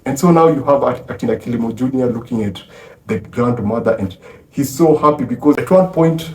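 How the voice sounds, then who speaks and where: Animated man retelling a film. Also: mid-range voice, brisk, a little hiss or hum. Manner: animated storytelling, acting out scenes. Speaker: movie reviewer. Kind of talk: casual retelling of a film plot. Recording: roomy, distant from mic.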